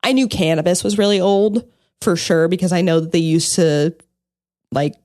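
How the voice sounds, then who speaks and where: A woman's voice: on the low side, normal speed, darkish tone, no echo, clean studio sound. A young woman co-hosting a podcast in casual chat, bubbly and giggly, filling her talk with "like". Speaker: podcast co-host.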